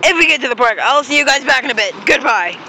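A young man with a very high, lively voice talks fast while vlogging on a city street, holding his phone as he walks. He chats casually but sounds exasperated and bossy, and traffic noise fills the phone recording.

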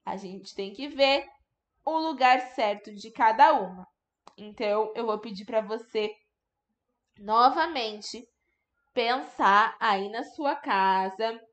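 A woman's voice: a little high, fairly bright tone. A woman teaching a remote lesson to young children, patiently sounding out words syllable by syllable. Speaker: primary school teacher.

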